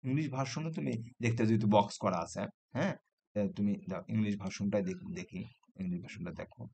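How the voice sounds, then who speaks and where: A man teaches a math lesson to school students. He walks through place values step by step, reading each digit aloud at an unhurried pace. He checks in with his listeners again and again. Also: on the low side, lively intonation, vocal fry, dark tone. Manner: patient, repeats "হ্যাঁ?" to check students follow.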